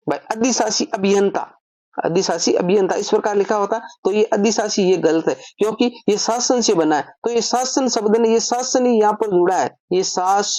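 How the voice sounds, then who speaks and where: A woman's voice: mid-range voice, dark tone, dry recording. A woman teaching an online grammar lesson, explaining step by step and asking and answering her own questions.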